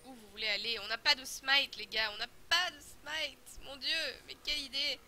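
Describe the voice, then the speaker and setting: A woman's voice: high-pitched, normal speed, pushed and bright, soft background music. A woman giving casual, playful commentary over her own gameplay, teasing and chatting to the players on screen. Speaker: gaming video host. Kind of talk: casual let's-play commentary.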